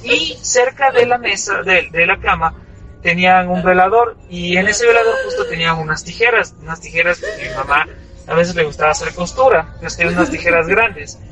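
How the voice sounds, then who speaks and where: A man telling a frightening personal story in a halting, shaken way. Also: sits high, pushed and bright, faint music behind, rough recording. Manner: halting, shaken retelling with many restarts. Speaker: storyteller sharing a personal experience.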